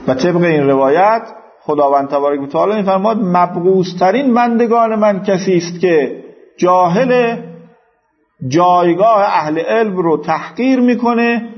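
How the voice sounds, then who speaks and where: A man with a high voice and an Iranian Persian accent gives a religious lecture as a teacher, on a muffled recording. He explains scripture didactically, reciting quotations in Arabic and then paraphrasing them.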